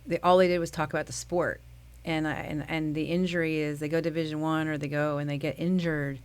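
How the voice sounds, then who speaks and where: Earnest woman psychologist, lowish voice. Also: level tone, darkish tone, clear, resonant tone. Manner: earnest, talks fast with restarts. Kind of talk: conversational interview.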